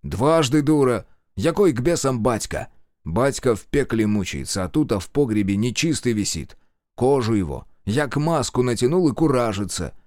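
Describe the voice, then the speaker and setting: A man voicing a gruff, curt fifteen-year-old village sorcerer in an audiobook. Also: mid-range voice, very animated, normal speed, darkish tone, no echo, studio quality, natural voice. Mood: angry. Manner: gruff, curt, rural dialect. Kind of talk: audiobook character voice.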